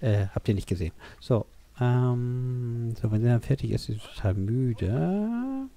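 A man's voice: mid-range voice, big pitch swings, unhurried, gravelly, warm tone. A man giving casual, rambling commentary while playing a life-simulation game, thinking aloud with many fillers. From Germany. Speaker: let's play gamer.

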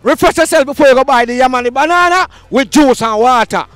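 A man's voice: very high voice, expressive, quick pace, a bit bright, clean tone, no echo, soft background music. A Jamaican man hosting a street vlog at an outdoor market, hyped and chanting a catchphrase. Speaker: vlog host.

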